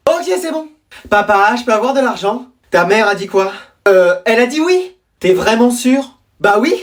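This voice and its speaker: A man acting out a comedy sketch as a teacher, parents and pupils, switching quickly between them. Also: high-pitched. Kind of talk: scripted school comedy sketch.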